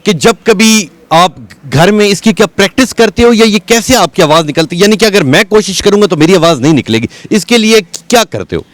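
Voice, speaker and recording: A male interviewer with a high voice keeps the talk moving with upbeat, leading questions. The sound is dry and close, without any room echo. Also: expressive, few pauses. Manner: upbeat, prompting, talks in a leading way. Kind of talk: street-style interview.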